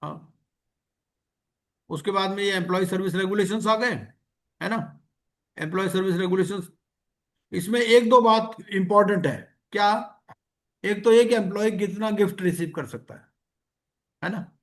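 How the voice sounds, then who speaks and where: A man teaching an exam-prep lecture, reading legal text slowly and explaining it. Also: sits high.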